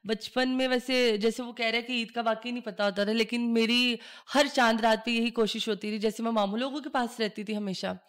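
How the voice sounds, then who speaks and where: A woman hosting a podcast who tells personal stories in a casual, animated way and acts out the dialogue. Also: on the high side, brisk, hardly any pauses. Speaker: podcast host. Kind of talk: casual chat, personal storytelling.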